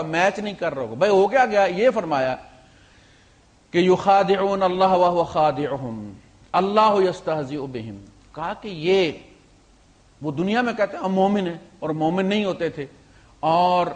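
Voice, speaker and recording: Man, Islamic preacher, storytelling sermon, high voice, loud-soft swings, mixes in English words. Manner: animated storyteller, swinging between loud emphasis and quiet asides; sprinkles English words into his talk.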